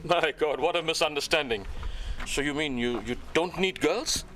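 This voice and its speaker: A man's voice: on the high side, normal speed, bright, forceful tone, a little hiss or hum. An actor playing a jovial man who keeps joking and teasing. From South Africa. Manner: joking, teasing, laughs often. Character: jovial South African Indian man, joking fixer.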